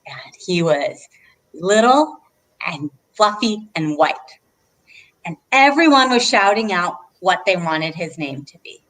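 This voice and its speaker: Taking it slowly, a woman with a somewhat low, slightly bright, animated voice leads a children's read-aloud. As librarian she chats encouragingly and quizzes the kids.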